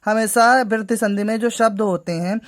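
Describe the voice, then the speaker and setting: A woman's voice: medium pitch, steady tone, moderate pace. A woman teaching a grammar lesson to school students, patiently going through each step and repeating "ठीक है".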